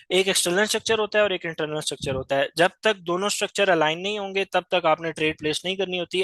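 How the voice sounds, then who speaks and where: A man gives a screen-share lesson on trading charts, repeating key points and correcting himself as he goes. His voice sits high and sounds bright, recorded close and dry with no room sound. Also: no echo. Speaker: trading teacher.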